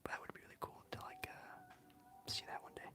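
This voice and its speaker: An ASMR streamer whispering softly and chattily while answering live chat questions. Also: brisk. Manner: soft, unvoiced whisper with chatty fillers.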